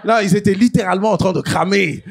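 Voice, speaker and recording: A man in his thirties doing stand-up in a comedy club, animated, swinging between loud bursts and low asides. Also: quick pace, vocal fry, breathy edge. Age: 30s. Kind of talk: stand-up storytelling.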